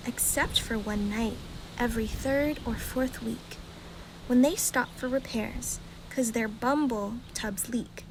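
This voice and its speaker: A woman reads a rhyming children's bedtime story aloud in a calm, gentle, expressive storytelling way. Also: fairly high pitch, slight background noise, poor audio.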